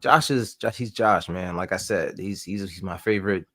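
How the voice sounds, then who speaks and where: A relaxed man rambles through basketball talk as a co-host, leaning on filler phrases. His voice sits low. The recording is dry and close. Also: moderate pace, dry recording. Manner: relaxed, rambling, fond of fillers like "you know".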